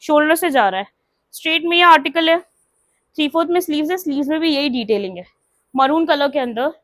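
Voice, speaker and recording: Chatty high-voiced woman selling clothes. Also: expressive, fast, fairly bright tone, dry recording. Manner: chatty, mixing English words into Hindi. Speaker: clothing seller. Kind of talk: product showcase sales talk.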